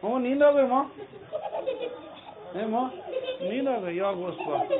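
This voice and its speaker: A man gently teasing and coaxing small children in casual, affectionate talk. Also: extremely high pitch, expressive, background noise. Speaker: religious scholar talking with children. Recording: tinny phone-like sound with faint music.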